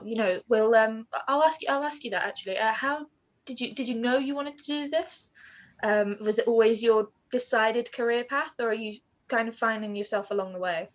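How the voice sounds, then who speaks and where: A woman's voice: a little high, dull audio. A woman hosting a podcast in an upbeat, polite way, with some "um" fillers as she phrases questions. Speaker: podcast host.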